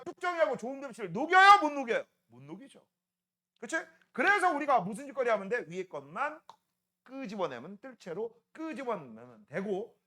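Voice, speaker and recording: A middle-aged male science teacher lectures with a high, bright voice that climbs and dips all the time. He talks in a chatty way and throws out quick questions that he answers himself. Now and then he acts out playful voices in his jokes. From Korea. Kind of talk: classroom lecture.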